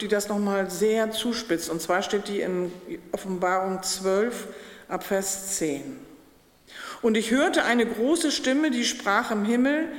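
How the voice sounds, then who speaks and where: A woman pastor giving a sermon, earnest and emphatic, with slow deliberate pauses. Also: a little high. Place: church. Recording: echoey church hall.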